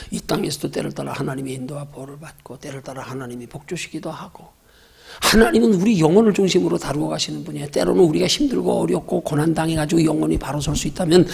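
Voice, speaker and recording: 성경공부 시간에 설교하는 남자 목사로, 반말로 청중에게 직접 말을 걸며 수사적 질문을 자주 던진다. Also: male voice, fairly high pitch, vocal fry. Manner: emphatic, talks directly to listeners in casual speech, rhetorical questions. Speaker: pastor. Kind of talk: Bible study sermon.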